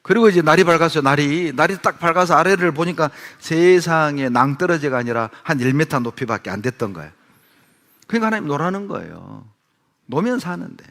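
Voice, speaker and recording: A middle-aged man preaching a sermon as pastor, emphatic and animated, often asking rhetorical questions. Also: on the high side, fairly quick. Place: church hall with long reverb. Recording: reverberant church hall recording.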